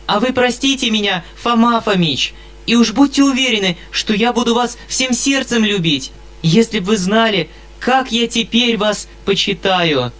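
A male reader voicing an eager young girl who pours out apologies in a high, rushed voice. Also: fairly bright tone. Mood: gushing.

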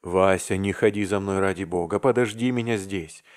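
A man's voice: low voice, normal speed, no echo, clean studio sound, natural voice. A man reading aloud and voicing a terrified young man who cries out desperately to his friend. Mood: pleading. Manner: crying out, desperate.

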